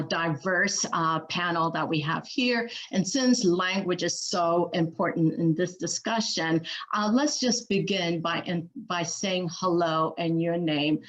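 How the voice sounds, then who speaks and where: A woman from Ethiopia whose native language is Amharic moderates a panel over a video call, her voice on the low side and the sound lo-fi. She speaks haltingly, with lots of fillers and restarts.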